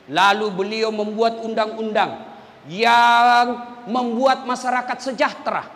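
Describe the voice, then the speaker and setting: A man giving a humorous sermon to an audience, telling animated stories and acting out dialogue between characters. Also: very high-pitched. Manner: animated storytelling, acts out dialogue, addresses audience directly. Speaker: preacher. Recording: hall reverb, faint ambient noise.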